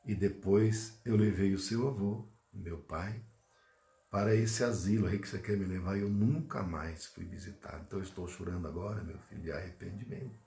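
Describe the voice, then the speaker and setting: A man with a Brazilian Portuguese accent voicing an old father who weeps with regret, speaking softly, slowly and subdued. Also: deep voice, gravelly, pitched below the performer's own voice. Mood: regretful. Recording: roomy echo.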